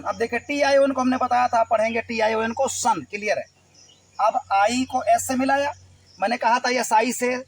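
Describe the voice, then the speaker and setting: Patiently spelling out English words letter by letter, this Uttar Pradesh man teaches reading in a phonics lesson delivered in Hindi. He has a very high voice, and the poor audio carries a slight hiss or hum.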